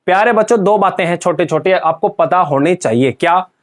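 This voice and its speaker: Teaching English grammar to a class, a man with a strikingly high voice speaks a little fast. He keeps drilling his students, repeatedly asking one question and giving its answer.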